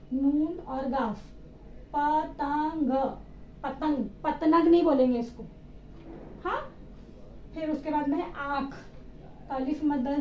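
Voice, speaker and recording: A high-voiced woman teaching a children's reading lesson at an unhurried pace, spelling out each letter in turn. She asks a question and then answers it herself. The recording sounds roomy and a little dull, with faint ambience behind her. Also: a little hiss or hum.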